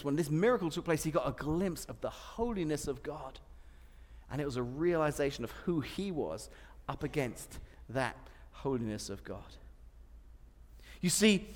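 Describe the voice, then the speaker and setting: High-voiced male preacher in a big echoing hall. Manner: animated storytelling with repetitions and humor. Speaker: pastor. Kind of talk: sermon.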